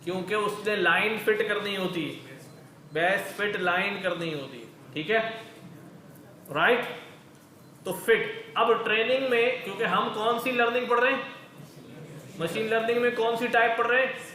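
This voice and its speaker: Guy teaching code, bright sharp voice, echoey room, keeps asking then answering his own questions. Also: high-pitched, moderate pace, pauses often. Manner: asks rhetorical questions and answers them himself; conversational, calls listeners brother. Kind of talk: coding lecture.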